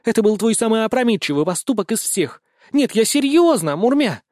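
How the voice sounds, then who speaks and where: Man voicing a scolding cat goddess, high-pitched. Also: sing-song, a little fast, a little mellow, no room sound, studio quality. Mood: indignant. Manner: scolding, indignant, fretful. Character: irritable young female cat goddess spirit. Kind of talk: audiobook character reading.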